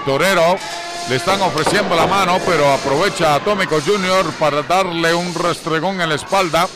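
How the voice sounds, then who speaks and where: A man doing live wrestling commentary as a play-by-play announcer, colorful and excitable, with drawn-out exclamations. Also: fairly high pitch, over music. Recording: clearly noisy live venue recording.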